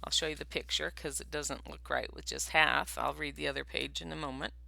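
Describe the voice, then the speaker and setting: A woman teacher reading a picture book aloud to her first grade class, expressive and stopping to ask questions. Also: sits low, brisk, gravelly, no echo.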